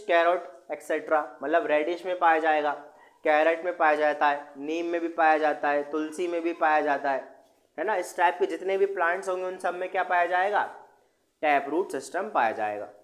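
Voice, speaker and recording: A male teacher giving an online class, who asks his students questions and answers them himself and mixes English terms into his explanations. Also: a little high.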